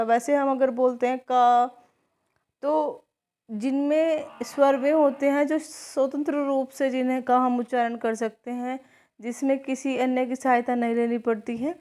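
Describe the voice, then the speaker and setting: A woman's voice: high-pitched, a little mellow. A woman teaching a grammar lesson for exam preparation, reciting letters one by one and explaining them patiently.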